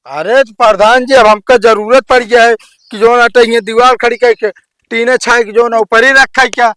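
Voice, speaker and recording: A man's voice: extremely high pitch, fairly even intonation, moderate pace, bright, forceful tone. A man playing a stubborn, quarrelsome village landowner in a comedy skit, arguing insistently with an Awadhi accent. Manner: argumentative, insistent.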